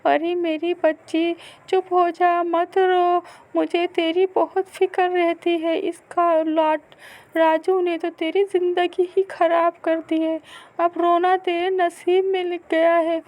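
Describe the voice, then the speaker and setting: A worried mother animal from a cartoon story fusses over her crying daughter, as a woman acts her out. Her voice sits high and carries a rough, gravelly texture. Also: level tone, slow pace, darkish tone, heavily acted. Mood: fretful. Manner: fussing, soothing, scolding. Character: fretful older female animal, Lado's mother.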